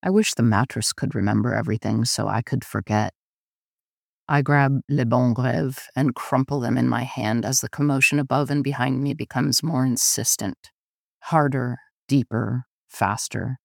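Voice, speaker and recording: A man reading a first-person literary story aloud in a measured, intimate narration. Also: medium pitch, steady tone, vocal fry, no echo, clean studio sound. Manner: measured, intimate, often slow. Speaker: audiobook narrator.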